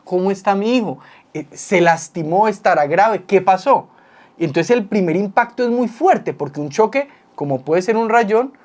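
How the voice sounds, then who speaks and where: A man's voice: high-pitched, a little mellow. A man, a psychologist co-hosting with his wife, giving casual advice and acting out quotes as he explains. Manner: explains with vivid everyday examples and acted-out quotes. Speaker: psychologist and co-host. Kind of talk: casual advice talk with spouse.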